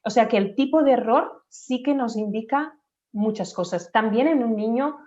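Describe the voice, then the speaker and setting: A woman's voice: fairly high pitch, normal speed, darkish tone. Woman explaining speech sounds, lo-fi. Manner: patient, methodical explaining, demonstrates sounds aloud. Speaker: speech therapist guest. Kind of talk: explanatory interview talk. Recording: dull lo-fi audio.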